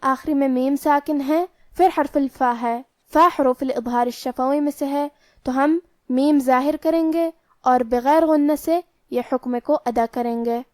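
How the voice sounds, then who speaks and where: A woman's voice: sits high, steady tone, no room sound. A woman teaching Quran recitation rules, explaining each letter and its rule methodically, step by step. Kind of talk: tajweed lesson.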